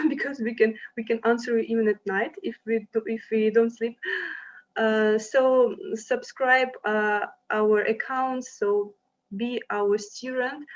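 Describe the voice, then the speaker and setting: A young woman from Ukraine presenting a university to applicants, friendly and hesitant with many fillers. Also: fairly high pitch. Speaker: university representative. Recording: dull lo-fi sound.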